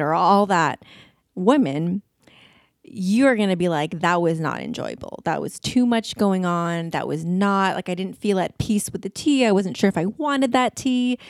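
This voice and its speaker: A woman's voice: mid-range voice, no echo. Chatty woman telling a story, dry close sound. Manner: conversational, animated storytelling with rhetorical questions. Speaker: podcast host. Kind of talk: casual solo talk.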